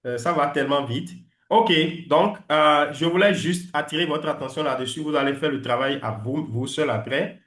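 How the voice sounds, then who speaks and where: A man whose first language is French leads a live English class, repeating words slowly so his students can copy them. His voice sits a little high. The room around him is echoey. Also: a bit bright. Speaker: English teacher.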